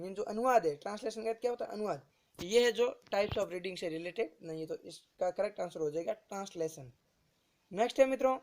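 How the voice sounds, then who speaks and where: A man's voice: sits high, darkish tone. A male teacher giving an exam-prep lecture who repeats each term and keeps asking rhetorical questions, addressing his listeners as friends.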